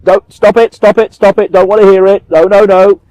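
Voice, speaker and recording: A man's voice: high-pitched, flat delivery, brisk, darkish tone, no room sound, pitched above the performer's own voice, lightly acted, low-quality recording. A man voicing an imagined grown man in denial who refuses to hear bad news. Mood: petulant. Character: petulant grown man in denial, covering his ears.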